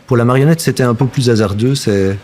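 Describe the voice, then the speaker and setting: This Belgian actor and puppeteer, a man in his fifties from near Brussels, speaks French with a slight Flemish tinge. As a guest in a casual interview, he talks fast in a mid-range, slightly mellow voice. He's reflective, often hesitating and restarting sentences.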